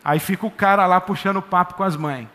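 Lively preacher in echoey church. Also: male voice, high voice, a little fast. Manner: lively, conversational, jokey storytelling. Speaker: pastor. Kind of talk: sermon.

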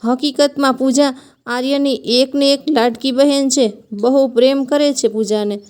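A woman narrating an emotional family story in a gentle, heartfelt storytelling manner. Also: sits high, fairly even intonation, normal speed, smooth.

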